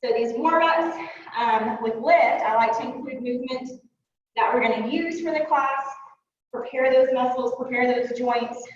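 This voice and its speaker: A woman's voice: on the high side, normal speed, slight background noise. A woman fitness instructor cueing a workout class, talking while she moves and sounding a little winded, with frequent fillers. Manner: talks while moving and exercising. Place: fitness studio. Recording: echoey room, distant mic, dull sound.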